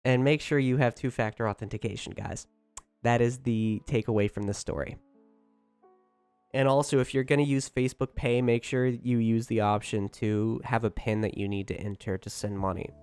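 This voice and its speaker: Clear-voiced man chatting on a livestream. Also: medium pitch, fairly even intonation, moderate pace, a little mellow, dry recording. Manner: rambling, chatty, keeps talking; informal, with swearing. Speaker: livestream host talking to chat. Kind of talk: casual unscripted livestream chat. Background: music.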